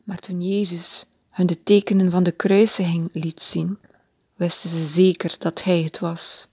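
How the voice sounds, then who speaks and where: A woman reading a children's Bible story aloud in a gentle, expressive way. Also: on the low side, unhurried, husky, no echo, clean studio sound.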